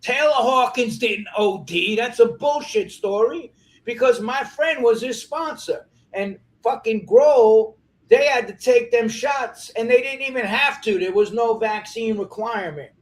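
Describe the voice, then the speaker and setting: A man speaking as an interview guest, ranting angrily and swearing heavily. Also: very high-pitched. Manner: angry, profane, rapid ranting. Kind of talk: heated interview talk.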